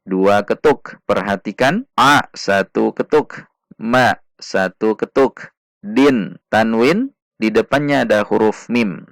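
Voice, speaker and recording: A man teaching Quran reading, patiently sounding out syllables one by one and chanting the verses slowly. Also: on the low side, creaky, no room sound, clean studio sound. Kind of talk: slow step-by-step recitation lesson.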